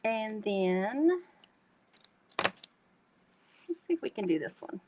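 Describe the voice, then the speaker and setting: A woman's voice: medium pitch, very animated, very slow, darkish tone, a little hiss or hum. A woman from North Texas with a Texan twang, hosting a chatty live craft tutorial and talking to her viewers as y'all. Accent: Texan Southern twang. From North Texas, USA. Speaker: host demonstrating card making.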